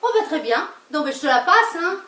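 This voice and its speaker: A woman's voice: very high-pitched, big pitch swings, pushed and bright, full character voice. A woman acting a flustered, defensive wife caught in a lie, in a live stage play, recorded from a distance in an echoey theatre. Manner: flustered, quick protests and repeated denials. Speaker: stage actor. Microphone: distant room mic.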